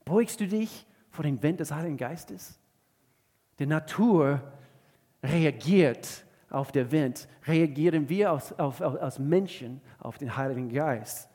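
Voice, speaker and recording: Male pastor, earnest sermon, stops and restarts, fairly high voice, long hall reverb. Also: darkish tone. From Georgia, southern USA. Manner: earnest, halting, with many restarts.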